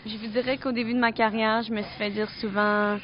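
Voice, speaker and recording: A woman's voice: fairly high pitch, flat delivery, brisk, lo-fi sound, slight background noise. A woman from Quebec City with a Québécois accent, an actress answering interview questions in a chatty way, with many fillers and restarts. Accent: Québécois French. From Quebec City, Canada.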